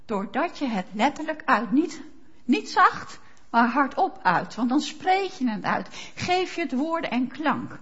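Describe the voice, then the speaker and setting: Slow, lively-pitched woman preaching. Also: slightly rough. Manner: slow, emphatic, rising to fervent quoted prayers. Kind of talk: sermon. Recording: dull lo-fi sound.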